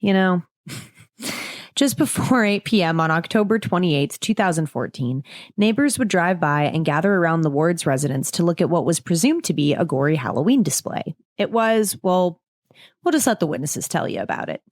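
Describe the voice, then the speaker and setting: A woman co-hosting a podcast, reading a true-crime story from a script and breaking off into casual, jokey asides. Her voice sits on the low side, and the close mic gives a dry sound with no room. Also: animated, moderate pace, no echo. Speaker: podcast co-host.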